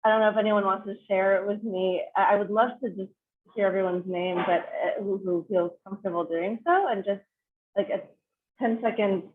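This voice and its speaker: A woman's voice: medium pitch, steady tone, brisk. A woman leading an online choir sectional, chatty and full of fillers and restarts. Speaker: choir clinician. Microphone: video call. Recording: tinny video call audio, faint noise.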